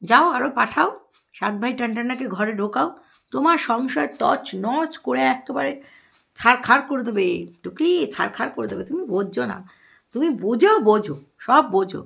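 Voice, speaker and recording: A Bengali woman vlogger delivers mocking, sarcastic gossip commentary, addressing her viewers directly. Her voice sits fairly high for a woman, with a husky, gravelly fry running through it. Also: expressive, normal speed, a bit bright.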